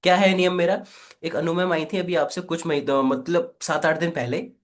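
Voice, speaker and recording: Energetic male sales coach, slightly high voice, pushy call-and-response teaching. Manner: energetic, coaxing, repeats "right?" and "quickly". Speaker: affiliate marketing trainer. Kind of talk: live online training session.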